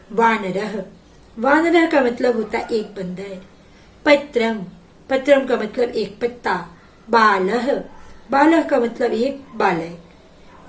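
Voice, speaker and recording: A woman teaching a Sanskrit lesson, slowly reading each word and then giving its meaning. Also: sits high, reverberant. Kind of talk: slow classroom explanation.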